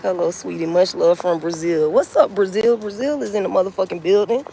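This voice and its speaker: In a low-quality recording with soft background music, a woman in her forties speaks briskly in a fairly low, creaky, warm voice. She's chatting casually with viewers on an outdoor phone livestream, blunt and repetitive, swearing and laughing often.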